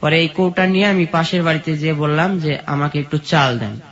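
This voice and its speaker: A man with a rural Bangladeshi accent, a guest in an interview, recounts his own life story plainly, step by step and with repetition. His voice is a little high and fairly bright, brisk with fairly even intonation, and the lo-fi recording sounds dull and muffled.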